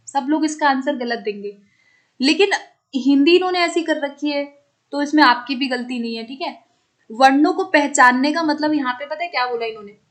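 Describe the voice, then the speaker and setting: High-voiced woman teaching an exam class. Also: a bit bright. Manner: explains step by step, checks on students with repeated questions; mixes English terms into her talk. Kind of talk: online exam-prep class.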